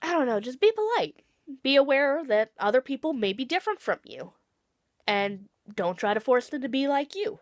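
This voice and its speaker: Animated high-voiced woman vlogger with a cold. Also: normal speed, no room sound, studio quality. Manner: animated, sarcastic, swears freely. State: has a cold, sniffly. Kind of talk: casual rambling rant.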